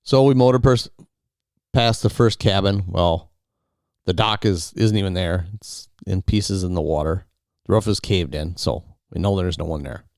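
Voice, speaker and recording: A man with a smooth, resonant, slightly low voice recounts a survival story in loose, casual storytelling. He rambles, restarts words, and slips other people's lines into his own telling. His voice sounds dry and close, with no room around it. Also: moderate pace, darkish tone, no echo.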